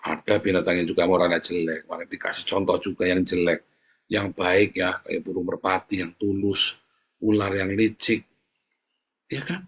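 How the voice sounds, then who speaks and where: A man preaching a lively sermon, often calling out to the congregation, his voice leaping up in pitch for emphasis. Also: normal speed, breathy edge. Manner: often addresses the congregation as "saudara". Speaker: pastor.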